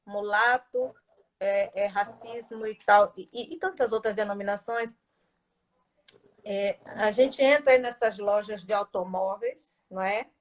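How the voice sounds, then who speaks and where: A woman's voice: medium pitch, fairly even intonation, unhurried. A woman teacher, explaining in a conversational interview and stressing points with rhetorical and tag questions.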